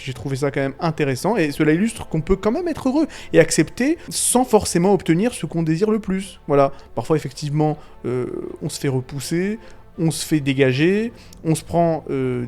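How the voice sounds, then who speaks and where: A man giving casual, rambling video commentary on animated films, full of fillers, restarts, slang and chuckles. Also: on the high side. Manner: slangy and irreverent. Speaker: YouTube film commentator.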